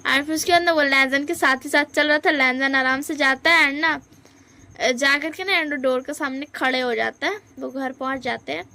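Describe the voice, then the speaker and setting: A woman's voice: high-pitched, steady tone, moderate pace, bright, forceful tone. A woman casually retelling a fan story with many hesitant fillers.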